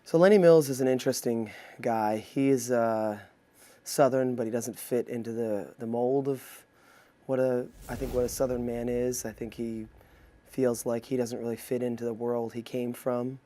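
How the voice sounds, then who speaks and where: A man with an average-pitched voice who talks about his part in an easy, storytelling way. He is an actor being interviewed about a film, with a few fillers along the way. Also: steady tone, normal speed, warm tone. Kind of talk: interview talk about a character.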